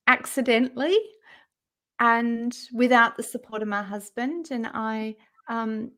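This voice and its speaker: A woman in her forties, a guest recounting her career story in a conversational interview over a video call, jumping up high in pitch whenever she quotes someone. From Australia. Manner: animated, raises her voice high when quoting people.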